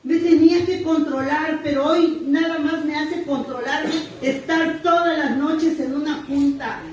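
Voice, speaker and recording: Mexican woman, blunt testimony in echoey hall. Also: sits high. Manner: blunt, earthy, self-mocking confession with crude slang. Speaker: sharer at a recovery group meeting. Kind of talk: personal testimony. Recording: echoey distant room mic.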